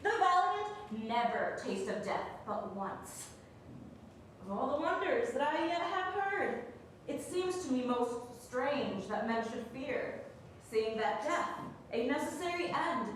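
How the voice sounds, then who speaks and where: A woman's voice: sits high, big pitch swings, takes it slowly, full character voice. A young woman playing Caesar in a stage Shakespeare performance, speaking in a proud, declamatory way, recorded from a distance in a very echoey theatre. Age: young adult. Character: Caesar, proud defiant ruler, played as woman. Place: indoor arena theatre stage. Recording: distant mic, very echoey theatre, faint noise.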